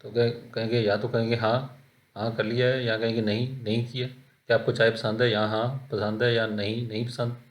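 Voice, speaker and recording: An Indian-accented man gives an online spoken-English lesson, with a voice of middling pitch. His delivery stays flat and even as he walks through examples one at a time. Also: moderate pace. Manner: explains in a mix of Hindi and English, with examples. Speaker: English teacher.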